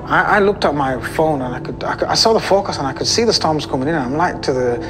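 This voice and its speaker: A British man, an adventurer, telling his story in a lively, conversational way and speeding up when excited. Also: on the high side, fast talker. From United Kingdom. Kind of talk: interview storytelling. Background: background music.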